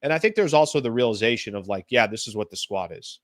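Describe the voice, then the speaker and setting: A man's voice: medium pitch, animated, quick pace, no room sound. A male sports show host talks straight through an opinion monologue, hammering his points with repeated phrases. His voice sits in a middle register. The sound is close and dry, with no room around it. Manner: emphatic, repetitive rhetorical phrasing. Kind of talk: casual sports commentary monologue.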